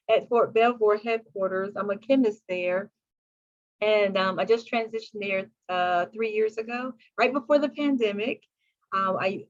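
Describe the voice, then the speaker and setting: A woman's voice: medium pitch, no room sound, lo-fi sound. A middle-aged woman from Virginia giving an informal self-introduction as a guest speaker. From Virginia, United States.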